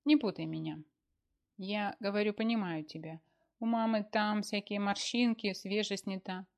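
A man's voice: sits high, fairly even intonation, normal speed, creaky. A woman voicing a bewildered, defensive grown son in a read-aloud story. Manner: bewildered, protesting.

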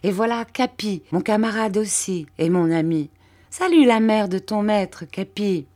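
An eager young boy, the hero of a classic storybook, read by a woman. He speaks earnestly, with bright excitement and a young, open warmth. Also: medium pitch, unhurried, voice pushed up, close to an everyday voice.

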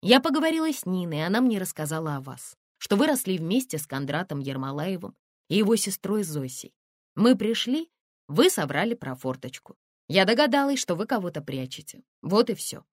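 A woman reading an audiobook and voicing an indignant, pushy young woman who speaks in raised, sharp outbursts. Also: medium pitch, very animated, fairly quick, no room sound, studio quality, pitched above the performer's own voice.

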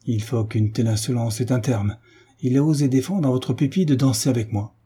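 A man's voice: mid-range voice, fairly quick, mellow, breathy edge. A man reading a proud, ambitious nobleman in a French audiobook, with formal, tense politeness. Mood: stiffly polite.

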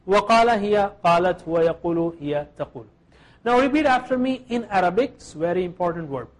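Man, Arabic teacher, classroom drill, slow and patient, higher-pitched voice. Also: expressive. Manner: slow, patient, repeats each word for the class to echo.

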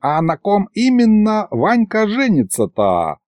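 Man doing a folksy storybook grandpa, grumbling, warm-toned and dry. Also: high voice, wildly swooping pitch, unhurried, no echo, pitched above the performer's own voice, full character voice.

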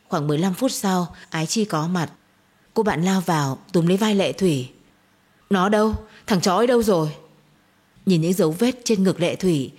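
A woman narrating a dramatic audio story in a steady storytelling voice. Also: fairly low pitch, breathy edge.

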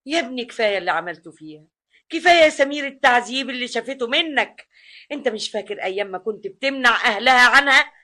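A woman's voice: a little high, expressive, fast talker, sharp tone. An actress playing a worried, pleading mother with an Egyptian accent, in radio drama acting. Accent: Egyptian Arabic. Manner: pleading, anxious. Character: worried mother Umm Samir, anxious and pleading.

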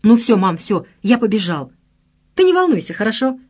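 A woman voicing a cheerful young man just back from army service, speaking with lively pitch swings in an audiobook reading. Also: normal speed, slightly rough. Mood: eager, coaxing.

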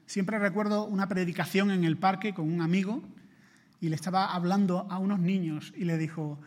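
A man from Spain preaching an emphatic sermon, building to forceful urgency. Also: high-pitched, steady tone, normal speed. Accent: Spain Spanish. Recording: long hall reverb.

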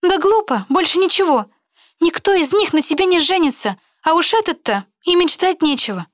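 A woman voicing a sensible young female student who protests loudly and objects to her friend. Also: very high-pitched, expressive, normal speed, no echo, clean studio sound, pitched above the performer's own voice. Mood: scolding.

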